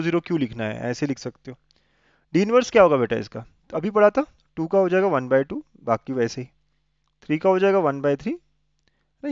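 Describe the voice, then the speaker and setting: A man's voice: on the high side, dry recording, muffled recording. A man teaching an exam revision maths lesson, coaxing students with frequent checking questions. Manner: coaxing, asks many checking questions, mixes Hindi and English.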